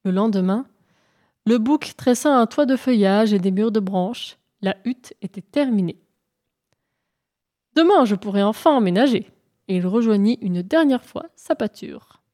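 A woman narrating folk tales for a storybook, reading calmly and evenly. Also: a little high. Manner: calm, measured narration.

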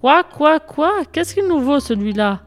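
A woman's voice: high voice, very animated, a little slow, faint music behind, pitched above the performer's own voice. A woman doing a chorus of angry squawking geese. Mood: indignant squawking. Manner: squawking, repetitive scolding.

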